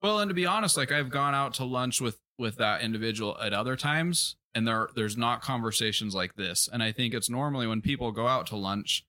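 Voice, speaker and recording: A man's voice: medium pitch, a little fast, few pauses, bright, forceful tone, no echo. A man co-hosting a podcast, chatting casually with friends, eager and full of questions, swearing now and then. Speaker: podcast co-host. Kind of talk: casual chat among friends.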